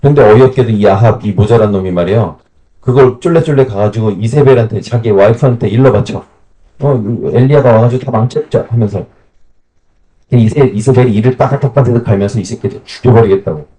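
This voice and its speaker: A man teaching a Bible camp class, retelling stories in lively, colloquial speech and putting questions to his listeners. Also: fairly low pitch, brisk, breathy edge.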